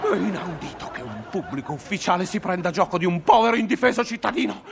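A man's voice: high-pitched, sing-song, fast, gravelly, slight background noise. A man playing a fussy, pompous passenger in a radio comedy sketch, easily flustered. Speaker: exasperated gentleman passenger.

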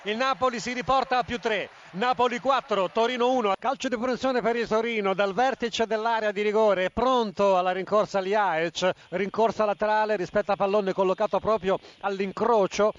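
A man's voice: sits high, fairly even intonation, normal speed. A man calling football live on the radio, describing play precisely and announcing scores with emphasis. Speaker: football match commentator. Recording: muffled broadcast with faint noise.

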